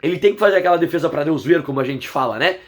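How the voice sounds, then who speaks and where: This football commentator, whose Brazilian accent comes through clearly, races through a match breakdown for his casual vlog. His fairly high, hoarse voice is expressive, and he presses every point with indignant force.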